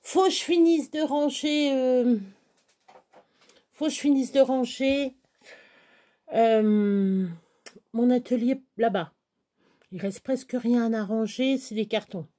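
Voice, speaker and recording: A woman's voice: a little high, slow, pauses often, dark tone. Chatty, exasperated French woman vlogging. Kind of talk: casual chat to camera. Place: at home, moving around.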